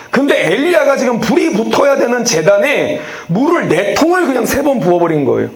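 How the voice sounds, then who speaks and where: A man preaching a sermon as pastor, talking animatedly and putting questions straight to the congregation. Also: high voice.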